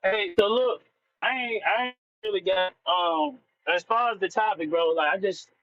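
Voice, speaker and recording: A man calling in on a video call over a poor connection, talking in a halting, casual way with many fillers and restarts. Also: high voice, lively intonation, dry recording. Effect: on a video call with a bad signal. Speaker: caller on a live discussion. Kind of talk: casual chat. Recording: dull lo-fi call audio.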